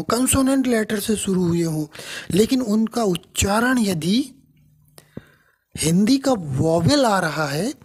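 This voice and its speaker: Male grammar teacher; slow, patient delivery, husky tone, repeats and checks understanding. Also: high voice, darkish tone. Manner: repeats each point, restating terms in two languages; unhurried, with frequent checking questions. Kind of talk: explanatory grammar lesson.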